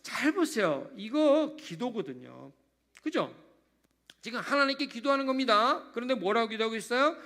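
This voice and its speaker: A man, a pastor, preaching a sermon in a church, animated and swinging between loud emphasis and hushed asides, acting out little prayer dialogues. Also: extremely high pitch, normal speed. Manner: animated preaching, sudden drops to hushed tones. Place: church sanctuary.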